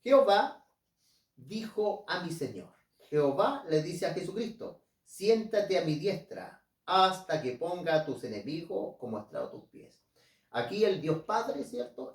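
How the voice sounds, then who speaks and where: Earnest preacher in a roomy space. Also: male voice, high voice, lively intonation. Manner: earnest, addresses listeners as dear brothers; reads scripture slowly and deliberately. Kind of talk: bible teaching sermon. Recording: roomy, mic at a distance.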